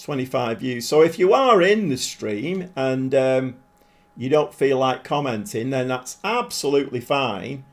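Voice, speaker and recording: Live-streaming a football management game, a man with a medium-pitched voice keeps up casual chat with his viewers. He tends to put himself down and quickly gets worked up with excitement.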